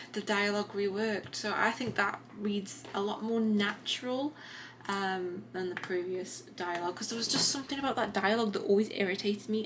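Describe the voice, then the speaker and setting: A woman chatting casually in a writing vlog from her desk at home, relaxed and full of little fillers and restarts. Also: medium pitch, noisy background. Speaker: writing vlogger.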